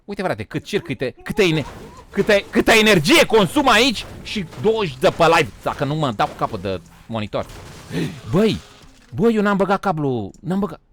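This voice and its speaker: Loud joking Romanian streamer guy. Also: fairly high pitch, very animated, slight background noise. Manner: loud, joking, bursts into shouting and laughter; swears and says "frate" a lot. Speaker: game streamer. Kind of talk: live gaming stream chat.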